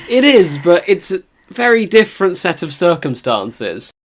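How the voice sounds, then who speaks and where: A man's voice: high-pitched, slight background noise. A man co-hosting a podcast who reacts to the story in casual chat with wry, sarcastic quips. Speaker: podcast co-host.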